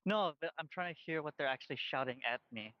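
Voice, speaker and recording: Rambling high-voiced man on a lo-fi line. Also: fast, no room sound. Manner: rambling, many fillers and restarts. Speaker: podcast co-host. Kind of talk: casual chat. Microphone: headphones on, outdoors by a busy street.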